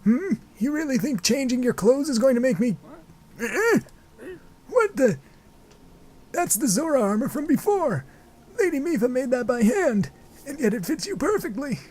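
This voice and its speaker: A man's voice: very high voice, sing-song, normal speed, long pauses, darkish tone, pitched above the performer's own voice. A man voicing a proud, haughty male fish-man elder in a stiff, formal, indignant way. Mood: shocked. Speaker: fan voice-over of cutscene dialogue.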